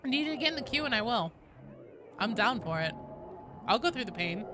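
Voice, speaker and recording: A woman livestreaming a game chats casually, rambling, swearing, and poking fun at herself. Her voice is a little high and sing-song, at a normal speed, with background noise.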